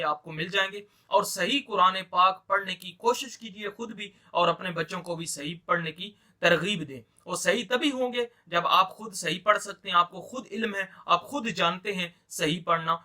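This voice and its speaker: A man with an Urdu accent explains a reading lesson. His voice is fairly high and very bright. He speaks patiently and repeats key points for emphasis. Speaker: Quran teacher.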